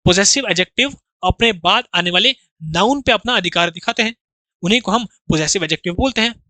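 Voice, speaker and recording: Bright, dry-voiced man teaching grammar. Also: sits high, brisk, dry recording. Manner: explains through rhetorical questions and repetition; addresses students familiarly as brother, plays out their questions. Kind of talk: exam-prep grammar lesson.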